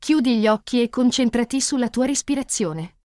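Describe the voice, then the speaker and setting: A synthetic text-to-speech woman's voice reading a guided meditation slowly and calmly. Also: fairly high pitch, no echo, studio quality. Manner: slow, calm, soothing.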